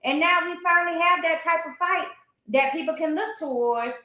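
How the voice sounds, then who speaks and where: A high-pitched woman gives her opinions in a casual boxing discussion. She is emphatic and colloquial in her delivery. The sound is roomy and echoey. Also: normal speed, bright, forceful tone. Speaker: boxing talk show commentator. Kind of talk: animated casual sports discussion.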